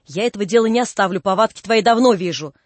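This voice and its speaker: A woman's voice: mid-range voice, fast, dry recording, lightly acted. A woman voicing a pious, grumbling old carpenter who tells stories in folksy old-fashioned speech. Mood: scolding.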